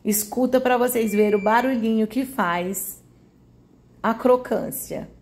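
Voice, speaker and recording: This recipe narration comes from a Brazilian woman hosting a home cooking video, her voice on the high side, creaky and a little mellow. She moves at a measured pace, homely and conversational, with frequent tag questions.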